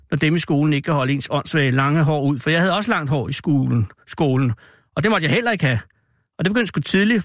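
Male host in his 50s, dry close sound, sardonic rambling monologue, a touch higher pitched than most men. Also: a bit bright, no echo. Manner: sardonic and rambling, with mild swearing. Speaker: radio host. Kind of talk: satirical radio monologue.

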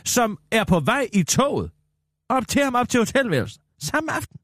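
A husky, gossip-hungry middle-aged woman, as a man puts her on for a radio comedy sketch. Her voice swoops from hushed secrets to eager peaks, and it sounds close and dry with no room around it. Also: very high voice, big pitch swings, dry recording, heavily acted. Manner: breathless gossiping, dropping to a hush.

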